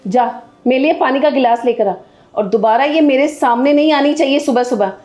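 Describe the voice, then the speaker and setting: In a Hindi short film, a woman plays a harsh, domineering mother-in-law and grandmother figure who scolds and orders her family around. Her voice sits high and a little mellow, at a normal speed.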